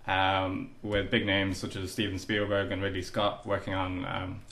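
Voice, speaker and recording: A man hosting a casual gaming podcast, reading news with many pauses and restarts. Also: low voice, completely flat delivery, fairly bright tone. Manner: hesitant, many ums and restarts. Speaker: podcast host. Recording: roomy echo with faint noise.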